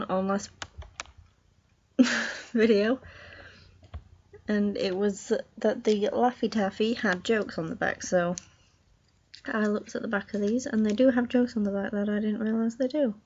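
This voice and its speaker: Hiccuping woman, slow casual vlog. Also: mid-range voice, fairly even intonation, darkish tone. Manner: reads jokes aloud haltingly, laughs at own slips. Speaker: vlogger. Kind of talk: casual video chat. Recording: dull lo-fi home recording.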